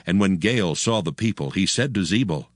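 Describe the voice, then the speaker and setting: A man's voice: low voice, expressive, normal speed, no room sound. A man narrating a dramatized reading of scripture, with music behind him.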